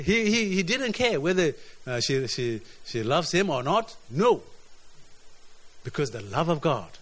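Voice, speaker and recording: A man from preaching a sermon, earnest, often repeating words as his voice swings between emphatic highs and quiet lows. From South Sudan. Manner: earnest, repeats words, rises and drops in pitch and loudness.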